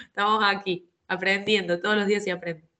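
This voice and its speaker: A young woman with an Argentine Spanish accent talks through her story as a guest singer. Her voice sits in a middle register, and she tells it in an animated, rambling way, full of fillers and restarts. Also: mid-range voice, fairly quick. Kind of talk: casual interview chat.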